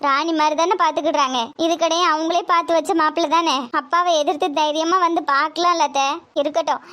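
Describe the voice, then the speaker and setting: An earnest young pregnant daughter-in-law, voiced by a woman in a cartoon, with a spirited, defiant streak. She speaks Tirunelveli Tamil in a high voice. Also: a bit bright.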